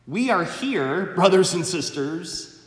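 A man, a priest, reading the Gospel and preaching at Mass in an unhurried, measured way, his voice carried by a cathedral echo. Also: animated. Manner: slow, measured delivery. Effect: cathedral echo with long reverb. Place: large church. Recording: echoey church hall, faint rumble.

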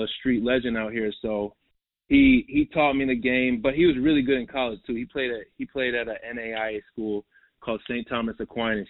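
Heard over a tinny line that sounds like a phone, dry and without echo, a young man from New York talks with a medium-pitched voice. He's a basketball guest in a casual interview, rambling, repeating himself, and leaning heavily on "like" and "bro."

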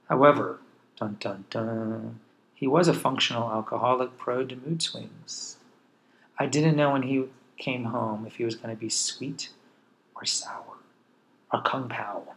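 This is a man in his forties, a podcast host, telling his life story candidly and with a wry, self-deprecating edge. His voice sits in the mid-range, and the audio is poor throughout this personal monologue.

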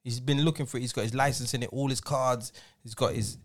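A man in his forties co-hosts a podcast and works as a DJ, chatting casually and telling stories in a slangy, emphatic way. His mid-range voice keeps a fairly even intonation at a quick pace.

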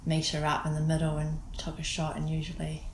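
A woman with a New Zealand accent, talking casually in an interview, relaxed and hesitant with many ums and restarts. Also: deep voice, fairly quick, roomy sound, slight background noise, rough recording. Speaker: guest photographer.

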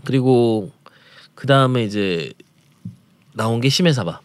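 Male radio food presenter, animated pitch, dry close sound, detailed storyteller. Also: a little slow, dry recording. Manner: detailed, descriptive storytelling about restaurants. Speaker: food travel segment presenter. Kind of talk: casual radio talk show chat.

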